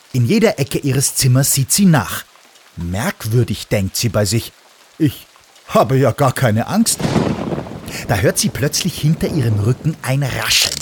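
A man reading a children's story aloud in an expressive, animated way. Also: mid-range voice, a little hiss or hum.

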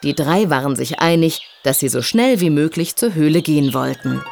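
Low-voiced woman reading a storybook. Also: creaky, music in the background. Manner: expressive, measured reading. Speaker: narrator. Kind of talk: storybook narration.

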